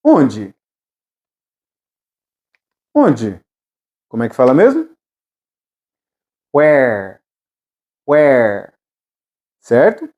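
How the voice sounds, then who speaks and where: A Brazilian woman teaching English in an online video lesson, drilling phrases with steady repetition and moving between Portuguese and English. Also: a bass voice, slow, pauses often, dull audio. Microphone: camera with ring light.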